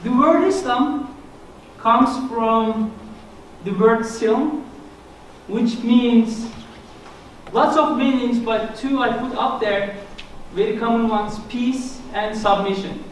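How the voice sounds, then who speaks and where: A man's voice: extremely high pitch, takes it slowly. A man from Turkey with a thick Turkish accent, giving an earnest, explanatory presentation to a church audience, with small touches of self-deprecating humor. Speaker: guest speaker. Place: church hall. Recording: echoey hall, mic from a distance, faint noise.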